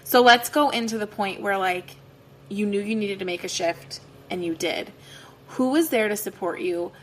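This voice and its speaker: A woman hosting a podcast, talking casually and warmly in a chatty way full of fillers. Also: mid-range voice, moderate pace, slight background noise, rough recording. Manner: chatty, peppered with "like". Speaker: podcast host.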